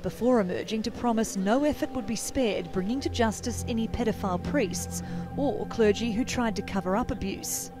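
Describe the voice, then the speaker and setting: A woman reporter reading a scripted news voice-over with a measured, even delivery. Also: on the high side. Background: music bed.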